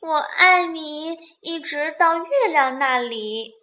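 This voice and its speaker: A woman voicing a small, playful young bunny with excited, slow, sing-song delivery in a children's bedtime storybook reading. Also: sits high, voice pushed up, full character voice. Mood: eager.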